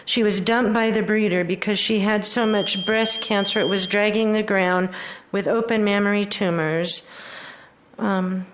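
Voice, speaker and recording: A woman's voice: medium pitch, fairly even intonation, measured pace, slight background noise. An American woman speaking earnestly during public comment at a city council meeting. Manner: earnest, advocating.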